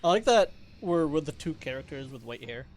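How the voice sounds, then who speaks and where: A man's voice: on the high side, expressive, fairly quick, darkish tone. A young man streaming a game live, joking, swearing and reading its text aloud. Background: game music.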